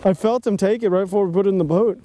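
A high-voiced young man chats excitedly as he fishes from a bass boat. His tone is mellow rather than bright. A boat-mounted action camera picks him up over faint outdoor noise. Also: rapid-fire. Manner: excitable, chatty, lots of exclamations. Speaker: fishing vlogger. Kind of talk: casual outdoor chat while fishing.

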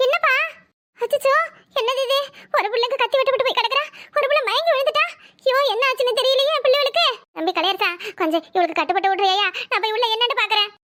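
A woman's voice: very high-pitched, quick pace, pushed and bright, voice pushed up. Woman voicing a fierce fretful old aunt, cartoon. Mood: alarmed. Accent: Kanyakumari Tamil. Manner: anxious, scolding, fussing.

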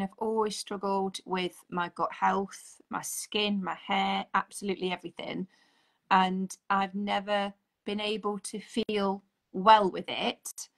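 Gravelly woman in her forties on a call. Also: mid-range voice, a bit bright. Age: 40s. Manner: chatty, earnest, talks up her work. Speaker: holistic therapist guest. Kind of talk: casual video-call chat. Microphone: video call, audio only.

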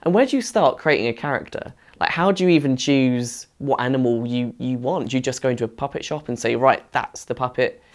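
A man's voice: mid-range voice, brisk, few pauses. A young man conducts an interview. He puts his questions casually and in a friendly, conversational style. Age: young adult. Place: theatre dressing room, indoors. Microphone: lapel mic.

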